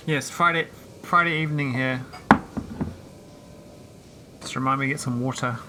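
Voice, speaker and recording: A man chatting casually while streaming a game, rambling with many pauses and talking to his viewers. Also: mid-range voice, noisy background. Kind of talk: casual live-stream chat.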